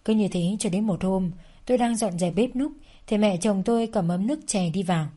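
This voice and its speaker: Woman reading a story in first person, mellow voice, calm and steady. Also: mid-range voice, a little fast. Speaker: narrator.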